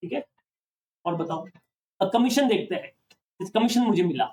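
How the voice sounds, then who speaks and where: A male accounting teacher lecturing a classroom, often pausing to ask students questions to check they follow. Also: high-pitched, animated, a little mellow, distant mic.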